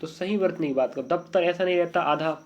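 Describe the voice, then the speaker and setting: A man with a slightly high voice teaches an exam-prep spelling lesson. He keeps asking his students whether they follow. The audio is dull and lo-fi. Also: fairly quick. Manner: repeated checking questions to students.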